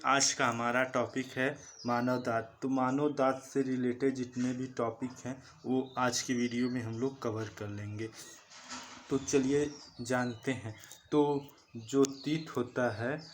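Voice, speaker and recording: A man teaching a lesson from slides, speaking slowly and repeating terms as he corrects himself. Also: medium pitch, slight background noise. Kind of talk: slide-based online lesson.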